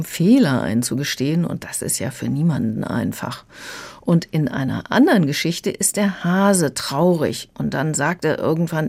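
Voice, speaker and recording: A radio book reviewer calmly explaining a children's book. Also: medium pitch, vocal fry, dry recording.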